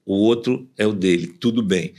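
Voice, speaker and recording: A man's voice: on the low side, moderate pace, mellow. A man hosting a podcast, who rambles and repeats words as he restarts his sentences. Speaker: podcast host. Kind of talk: conversational podcast interview.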